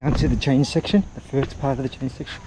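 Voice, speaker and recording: A man's voice: mid-range voice, steady tone, fast, background noise. A man chatting casually to his vlog on a mountain trail run, out of breath and breathing heavily. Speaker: vlogger.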